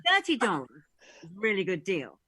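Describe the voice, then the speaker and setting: Animated woman rambling cheerfully. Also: medium pitch, normal speed, husky, no echo. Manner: rambling, restarts, laughs. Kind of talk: casual chat over a video call. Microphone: video call.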